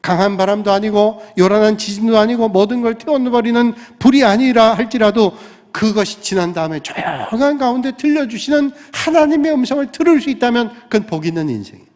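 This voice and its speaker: A man's voice: sits high, lively intonation, a little fast, hardly any pauses, darkish tone. A man preaching a sermon as pastor, earnest, sometimes voicing the words of scripture figures. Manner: earnest preaching, voicing God and Elijah in quotes. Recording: long reverb of a church hall.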